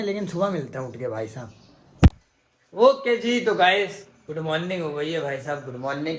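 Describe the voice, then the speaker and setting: Chatty young vlogger man. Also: on the high side. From Pakistan. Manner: chatty, playful, addresses viewers as guys and brother. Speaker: family vlogger. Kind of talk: casual vlog narration to camera.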